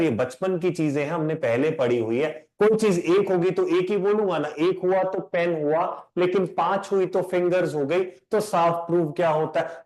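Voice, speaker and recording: A man teaching English grammar in an online lecture, talking in a lively, conversational way, mixing English phrases into Hindi and quizzing his students. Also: on the high side.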